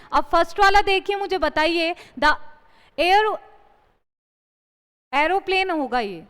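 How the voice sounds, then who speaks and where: Teaching English for an exam in a large hall, a woman explains things in Hindi and reads English sample sentences at a slow pace. She asks the class questions, then supplies the answers herself, her voice high and slightly bright.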